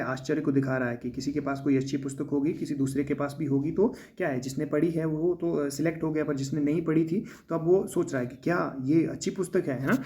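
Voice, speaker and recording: Guy teaching grammar for exams, slightly high voice, keeps saying "है ना". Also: warm tone. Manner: explains with frequent "है ना" tags. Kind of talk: exam-prep grammar lesson.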